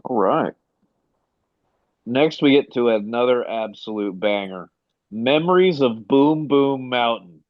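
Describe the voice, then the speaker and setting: A man hosts a relaxed podcast discussion, steering the talk with a ready laugh. His voice sits in a middling pitch. The recording is dry and a bit dull, like a budget home mic. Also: takes it slowly, no room sound. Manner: laughs often, leads the discussion. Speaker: podcast host. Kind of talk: casual chat.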